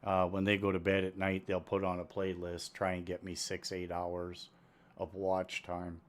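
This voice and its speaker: A man missing his two front teeth, chatting casually and matter-of-factly in a rambling way as he live-streams a video game. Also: low-pitched. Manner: rambling, unhurried, matter-of-fact. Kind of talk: casual live-stream chat while gaming. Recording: steady background noise.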